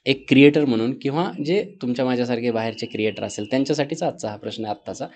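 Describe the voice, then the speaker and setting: A man's voice: medium pitch, very fast, darkish tone. A man hosting an interview, asking long, thoughtful questions in casual talk.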